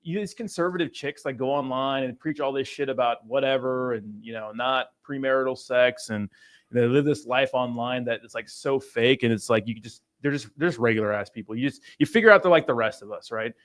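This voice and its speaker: A man's voice: mid-range voice, fairly quick, fairly bright tone. A man chatting casually as a talk show co-host, in a slangy, crude crypto bro manner, repeating himself. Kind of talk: casual chat.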